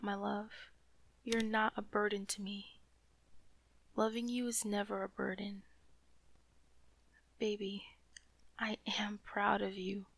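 Speaking softly and soothingly to a loving partner, a woman performs an ASMR comfort roleplay, often drifting into whispers close to the mic. Her voice sits in the mid range, and there's no echo.

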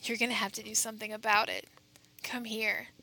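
A young woman speaking close to the mic in a soft, teasing, often whispered voice for an intimate audio roleplay. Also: a little high, little pitch movement, brisk, gravelly.

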